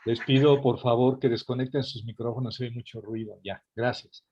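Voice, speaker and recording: A man's voice: mid-range voice, steady tone, moderate pace, mellow, slightly rough, dull audio. A man lecturing on a scripture passage in an online class over a video call, explaining as he goes and turning to his listeners with asides. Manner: engaging, often addresses listeners with asides.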